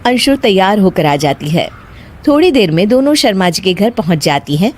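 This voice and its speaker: A woman narrating a cartoon story in a calm, scripted storytelling manner. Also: mid-range voice, moderate pace.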